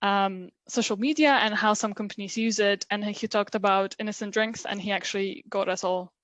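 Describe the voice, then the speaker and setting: A woman's voice: medium pitch, fairly even intonation, moderate pace, a bit bright, no echo, lo-fi sound. Chatty young woman from Poland. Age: 20s. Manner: chatty, laughs often, many fillers. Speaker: interview guest, recent graduate. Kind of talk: casual video interview.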